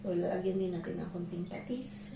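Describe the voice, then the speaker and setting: A vlogger from the Philippines chats casually while cooking in her home kitchen, often laughing as she tells stories. She talks briskly in a fairly low voice with vocal fry, and the echoey kitchen is full of heavy noise and loud clatter.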